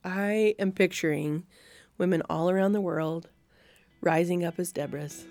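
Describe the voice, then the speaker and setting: A woman leading a faith-based podcast discussion, earnest and reflective with gentle emphasis. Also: lowish voice, normal speed, soft background music. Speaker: Bible study discussion leader.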